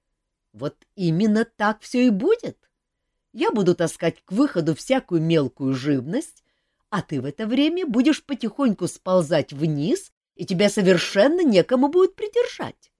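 A woman's voice: mid-range voice, very animated, moderate pace, dark tone, no room sound, voice pushed up. A woman voicing a male doctor who speaks with dry irony and exasperation. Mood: ironic. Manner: ironic, exasperated. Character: wry, slightly ironic male doctor.

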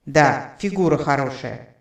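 A man's voice: medium pitch, animated, extremely slow, creaky, warm tone, heavily acted. A man doing a cool female elf mind-reader. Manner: cool, matter-of-fact.

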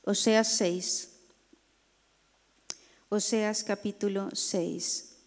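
A woman pastor, teaching a Bible class in a deliberate, emphatic way, pausing often and spelling out names. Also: mid-range voice, fairly even intonation. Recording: long hall reverb.

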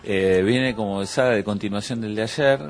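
A man's voice: lowish voice, normal speed, faint music behind. A man with an Argentine accent chatting casually in a radio studio, rambling with many fillers. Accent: Argentine Spanish. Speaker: radio producer and columnist.

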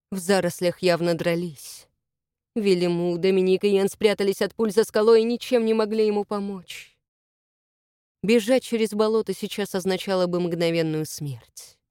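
A woman narrating an adventure novel in a steady, expressive reading style. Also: mid-range voice, smooth, no echo, clean studio sound. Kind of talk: audiobook narration.

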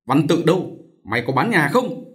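A man's voice: on the high side, very animated, normal speed, fairly bright tone, voice pushed up. A man playing a brutal, furious husband who snarls bullying threats.

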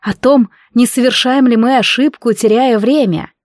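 A woman's voice: fairly high pitch, moderate pace, dry recording, studio quality, voice pushed up, lightly acted. A woman reading the lines of a small, worried noblewoman in an audiobook. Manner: soft, reproachful, stubborn.

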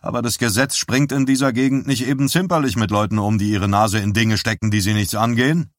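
A man voicing a grim young psychic who speaks quietly and with controlled contempt in an audiobook reading. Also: on the low side, fairly even intonation, a little fast, dry recording, clean studio sound, lightly acted. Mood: calm menace. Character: grim young male psychic, coldly calm.

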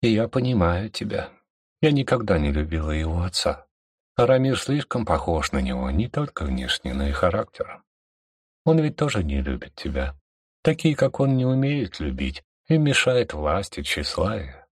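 A man's voice: deep voice, sing-song, normal speed, husky, dry recording, clean studio sound, heavily acted. A man reading an audiobook and voicing a tired older queen mother who speaks in a confiding way. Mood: weary confiding. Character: weary older queen mother, calm and bitter.

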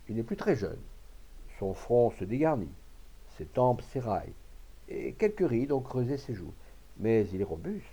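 A man narrating classic literary short stories as an audiobook reader, in a measured, expressive reading. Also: fairly low pitch, husky.

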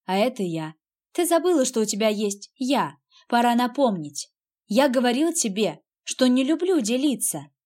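A woman voicing a cold, cruel, jealous husband who speaks in a calm, mocking, menacing way. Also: fairly high pitch, moderate pace.

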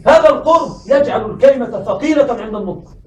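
A man teaching a classroom lesson. He keeps asking his students questions and says words slowly, over and over. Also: very high-pitched, animated, reverberant, far from the mic, poor audio.

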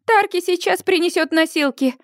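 A woman reading an audiobook, voicing an emotional young woman friend who calls out in a shrill, breathless voice. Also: normal speed, dry recording, clean studio sound. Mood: tearful, relieved.

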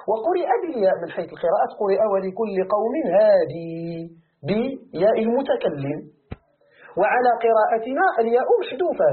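A man with a Moroccan accent teaches a classroom tafsir lesson on the Quran, animatedly asking his students rhetorical questions and answering them himself. His voice sits high. The recording sounds tinny and phone-like, with slight background noise.

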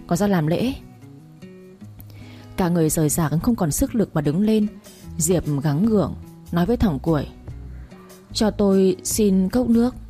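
Woman reading a story, warm mellow voice, faint music behind. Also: fairly low pitch. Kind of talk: storybook narration.

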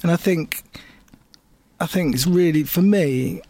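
A man with a slightly raised voice who weighs each point cautiously and softens his claims with fillers. The studio sound is dry and close. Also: a little high, no echo. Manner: measured, hedging, full of fillers. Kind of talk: casual studio debate.

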